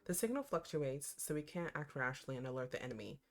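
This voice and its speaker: An expressive, playful woman doing casual, slangy reaction commentary and reading game text aloud. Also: extremely low pitch, fast. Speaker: reaction host.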